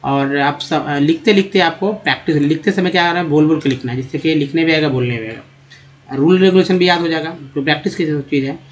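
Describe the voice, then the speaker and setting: A man with a Hindi accent teaching English pronunciation in a video lesson, repeating words slowly and calling the viewers friends. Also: fairly high pitch, muffled recording, slight background noise.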